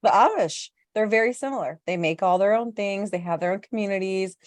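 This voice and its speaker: A woman's voice: medium pitch, dry recording. A woman hosting a podcast, chatting casually with her guest in a playful way. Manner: playful, quick to laugh. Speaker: podcast host. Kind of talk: casual chat.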